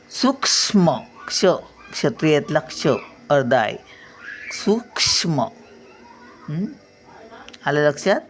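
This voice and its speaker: An older woman with a Marathi accent, teaching children to read and say each word slowly and carefully, repeating every word. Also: sits low. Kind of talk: reading lesson for children.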